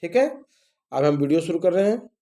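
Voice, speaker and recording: A middle-aged male teacher. He drills verb forms slowly, spelling out and repeating each word. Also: on the high side, animated, mellow. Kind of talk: lesson on English verb forms.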